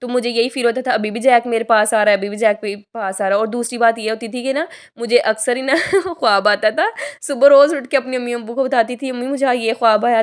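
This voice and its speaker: A young woman vlogger from Pakistan talks through her shopping haul, her pitch sitting a little high even though a sore throat leaves her voice hoarse and heavy. She chats casually, rambles, and keeps stopping to correct herself mid-sentence.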